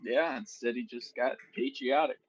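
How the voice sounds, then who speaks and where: A man's voice: medium pitch, little pitch movement, normal speed, slightly rough. A man co-hosting a podcast in casual chat, making dry wisecracks and swearing casually. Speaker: podcast co-host. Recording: dry dull lo-fi mic.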